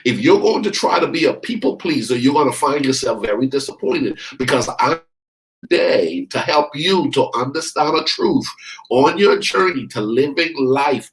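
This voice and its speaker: A man's voice: mid-range voice, rough recording. Emphatic man preaching a motivational sermon. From Bahamas. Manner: emphatic, repeats lines for stress, draws out key words slowly; addresses listeners directly. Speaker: life coach and preacher.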